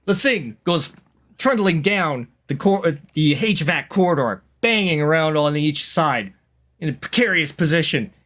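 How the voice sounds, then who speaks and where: A man running a tabletop role-playing game, narrating scenes in a dramatic, halting way. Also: fairly high pitch, animated, fairly bright tone. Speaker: game master.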